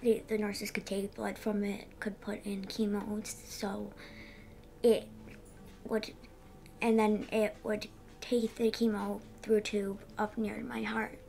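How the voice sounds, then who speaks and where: A thirteen-year-old girl giving a candid personal interview in halting, youthful casual phrasing. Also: medium pitch, little pitch movement, gravelly, a little mellow, a little hiss or hum. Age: 13, young teenager. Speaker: interviewee, young patient.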